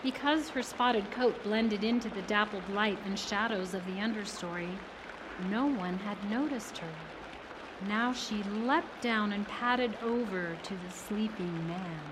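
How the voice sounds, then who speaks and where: Slow, measured woman storyteller. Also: medium pitch, noisy background. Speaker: narrator. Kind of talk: storybook read-aloud.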